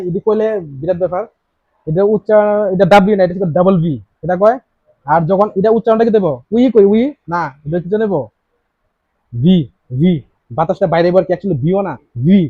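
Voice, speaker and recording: High-voiced male grammar teacher. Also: no room sound. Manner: asks students many rhetorical questions; repeats key words. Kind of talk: classroom grammar lesson. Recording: dry, slightly dull lo-fi sound.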